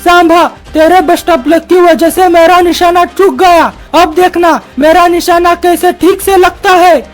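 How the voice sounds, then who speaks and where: A bossy cartoon bandit chief barks orders and scolds his sidekick, as a woman puts him on. The voice is very high and squeaky. Faint music plays behind. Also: steady tone, a little slow. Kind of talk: cartoon comedy voice acting.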